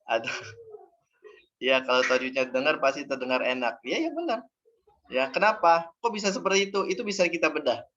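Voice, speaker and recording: A man's voice: on the high side, lively intonation, fairly quick, a bit bright. A man teaching Quran recitation in an online class, patiently explaining and drilling syllables aloud. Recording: dull audio with faint noise.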